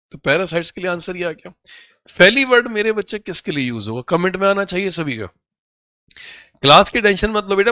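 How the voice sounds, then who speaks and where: A hoarse man with a higher voice, teaching an exam vocabulary class and reading words. He talks to the students as if they were his own children and drills them with quick questions that he answers himself. The sound is dry and close. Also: fairly bright tone, no echo. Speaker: English teacher for competitive exams. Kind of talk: Hindi exam-prep vocabulary lesson.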